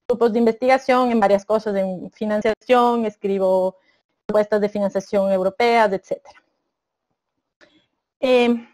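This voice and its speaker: A woman in her thirties from Ecuador presents her doctoral work over a video call. Her voice sits a little high, and she explains things step by step, pausing and hesitating as she goes. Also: a little mellow. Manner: measured, explanatory, with frequent hesitations. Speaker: doctoral student panelist.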